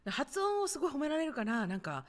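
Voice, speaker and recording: A woman's voice: sits high, very animated, quick pace, long reverb tail. A woman in her thirties chatting casually on a livestream from her apartment, reading viewer comments and acting out little scenes. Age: 30s. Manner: chatty, acts out little scenes in other voices, reads viewer comments aloud. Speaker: livestream host. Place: apartment home.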